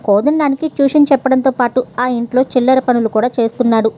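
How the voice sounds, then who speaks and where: A woman tells a story in a steady, clear reading. Her voice is fairly high and mellow, with a warm tone. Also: fast talker. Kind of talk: scripted narration of a story.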